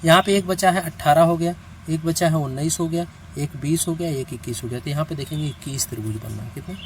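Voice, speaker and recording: A man with a fairly high voice teaches reasoning online, working through each problem step by step. He counts items aloud and keeps asking whether the listener has understood. Faint traffic sounds can be heard behind him. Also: brisk. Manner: counts out steps aloud, often checks in with the listener. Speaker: reasoning teacher for competitive exams.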